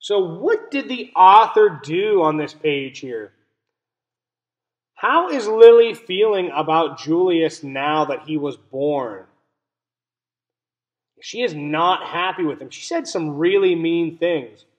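Slow-paced and animated, this young adult man has a voice on the high side, recorded lo-fi through a webcam or laptop mic at arm's length. Sitting in a small indoor room at home, he walks young children through a read-aloud lesson, explaining plainly and leaning on key words.

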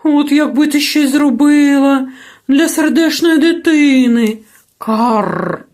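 A woman voicing a chatty raven who croaks caws between his phrases, reading a storybook aloud. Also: high voice, takes it slowly, a little mellow. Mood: pitying. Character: cawing raven companion, chatty and lonely.

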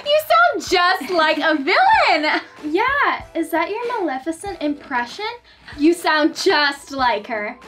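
A woman plays a polite, cheerful young princess in a kids' parody. She speaks slowly in a very high, bright voice. Music plays behind her. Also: very animated, heavily acted. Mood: amused. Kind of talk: campy children's parody sketch acting.

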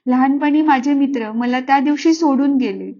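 A woman narrating a classic storybook in a gentle, expressive reading voice. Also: high voice, moderate pace. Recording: slightly muffled lo-fi.

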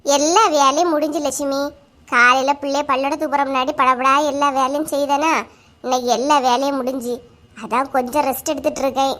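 A woman's voice: sits high, fairly even intonation, fairly quick, a bit bright. A woman voicing a homely singing village housewife. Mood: calm, homely. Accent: Kanyakumari Tamil. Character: homely middle-aged village housewife who sings. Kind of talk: animated comedy dialogue.

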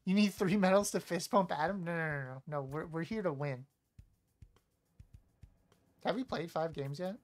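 A woman streaming a live game, trash-talking playfully, apologizing to teammates and suddenly yelling when a play goes wrong. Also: lowish voice, moderate pace, long pauses, soft background music. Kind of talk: live gameplay commentary.

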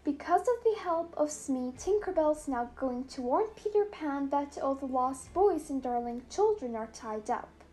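A woman reading a children's story aloud as storyteller, clear and expressive. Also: high voice, unhurried, few pauses. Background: soft music.

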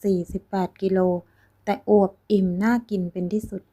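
A woman narrating a romance story in a slow, even reading style. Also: medium pitch.

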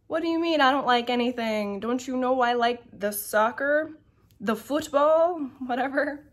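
A woman's voice: high voice, measured pace. A young woman putting on her father's voice, quoting him as a grumbling, indignant middle-aged dad.

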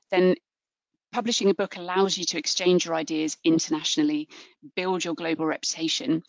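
A middle-aged Englishwoman, a book publisher, gives an earnest, encouraging webinar presentation over a video call, full of ums and restarts. Her low-pitched voice shows vocal fry, and the dull, lo-fi webcam audio has no room sound.

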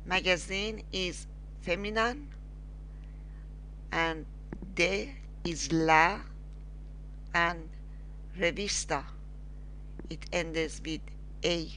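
A woman with as her teaching a beginners' lesson, halting and repeating words slowly. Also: fairly low pitch, sharp tone, slight background noise. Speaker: language teacher. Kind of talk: slow screen-recorded lesson.

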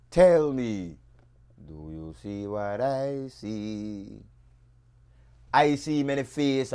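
A man with a Belizean accent reciting dub poetry in a rhythmic, rhyming delivery with sharp swings in loudness. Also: lowish voice, clear, resonant tone. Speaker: dub poet.

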